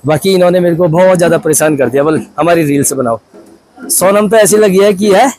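A man's voice: high-pitched, brisk, darkish tone, slight background noise. A young man from Uttarakhand narrating a casual travel vlog outdoors, chatty as he points things out to viewers. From Uttarakhand, India. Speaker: vlogger. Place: outdoors at hill temples and a riverside.

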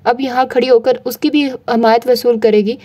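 A hostile, scornful aunt from a storybook drama who shouts down everyone around her, played by a woman narrator. Her voice sits fairly high yet stays soft and mellow in tone. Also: fairly even intonation, normal speed, natural voice. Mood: furious scorn. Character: angry spiteful woman, bullying aunt.

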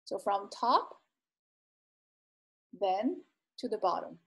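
Slow, patient woman teaching words. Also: medium pitch, expressive. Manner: patient, repeats each word twice with careful tones. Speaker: Chinese language teacher. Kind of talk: slow explanatory lesson narration.

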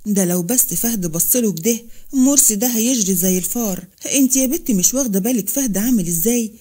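A loud-mouthed Egyptian matron who scolds and exaggerates, rattling off her words in a mellow, soft-edged voice, as a woman narrator voices her. She is a storybook busybody. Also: a little high, fast talker, natural voice. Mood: scolding. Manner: scolding, dramatic.

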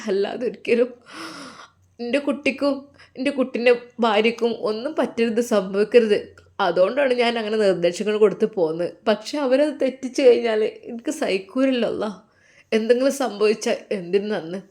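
A woman voicing a soft tearful old mother with a Malappuram lilt. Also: on the high side, a little fast, natural voice. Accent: Malappuram Malayalam. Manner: soft, sorrowful, affectionate. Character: aging tender-hearted mother, often tearful.

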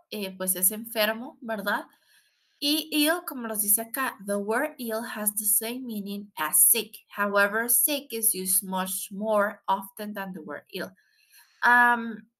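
Bright-voiced woman teaching English. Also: medium pitch. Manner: explains in Spanish, models English words slowly, adds tag questions. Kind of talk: recorded online language lesson.

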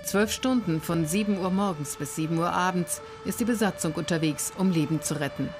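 A woman reading scripted documentary narration in an even, factual way. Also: on the low side, fairly quick, over music.

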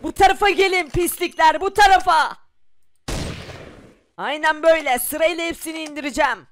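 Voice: very high voice, normal speed, fairly bright tone, slight background noise. A performer voicing a lone gunman outside a house who taunts and shoots zombies to save the people inside. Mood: tough.

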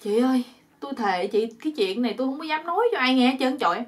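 A woman's voice: high voice, animated, fast talker, voice pushed up. A terrified young man pleads and whines for mercy in a raised, strained voice, as a woman storyteller puts him on. He is tied up and frantic, and he keeps begging breathlessly in a comic folk tale. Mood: desperate.

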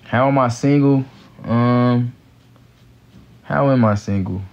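A young American man chatting casually on a livestream, answering comments in a tired, laid-back, slangy way with a gravelly voice. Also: mid-range voice, slow. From Gary, United States. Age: young adult. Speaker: live streamer, actor. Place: small room indoors, lying down. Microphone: handheld phone at close range. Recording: muffled phone livestream with background noise.

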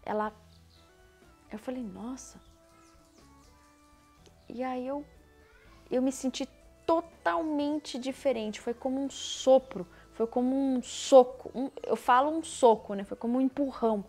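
A woman with a Brazilian Portuguese accent tells a personal faith testimony in a casual, slangy way. She re-enacts her own dialogue and often drops to a hushed voice. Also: high-pitched, unhurried, pauses often, faint music behind.

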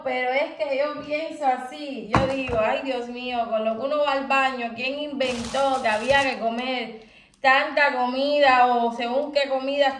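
A woman's voice: sits high, a bit bright, slight background noise. A young woman from Cuba with a Cuban Spanish accent, chatting expressively to her viewers at home and calling them "my love". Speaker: vlogger. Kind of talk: casual chat to camera. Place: at home, indoors. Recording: echoey room.

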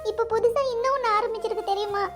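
A woman voicing Selvi, a shy, anxious young village woman in love, in a cartoon, fretful and pleading. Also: fairly even intonation. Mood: tearful. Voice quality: very high girlish voice. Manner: fretful, pleading, quick to scold. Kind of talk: cartoon voice acting. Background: background music.

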